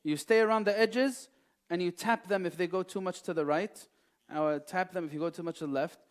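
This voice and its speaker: A high-pitched man preaching to a congregation. He is animated, dropping to soft, low asides and then rising to loud, emphatic lines. He recites scripture in quick bursts. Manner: animated, swings between quiet and loud, recites verses quickly. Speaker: imam giving a religious talk. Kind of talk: sermon.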